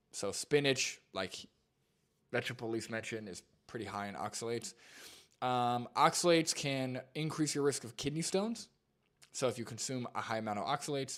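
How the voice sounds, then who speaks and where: Young guy streamer rambling thru chat, um uh restarts everywhere, mid voice. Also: mid-range voice. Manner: rambling, with many fillers and restarts. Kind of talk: live stream reaction chat.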